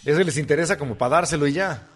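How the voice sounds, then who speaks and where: A man's voice: on the high side, fast talker, husky, faint music behind. A man with a Mexican accent co-hosting a casual comedic chat, easygoing and wry. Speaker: co-host.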